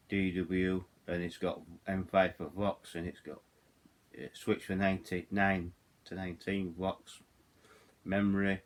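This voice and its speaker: A deep-voiced Yorkshire man, a hobbyist radio reviewer from Yorkshire, England, with a Yorkshire English accent, walks casually through a product hands-on. He rambles, digresses and repeats himself.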